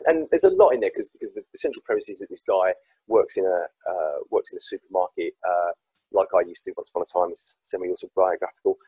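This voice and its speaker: A man from South East England, a podcast guest in casual chat, telling stories in an animated, self-deprecating way. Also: on the low side, slightly rough, no room sound, poor audio.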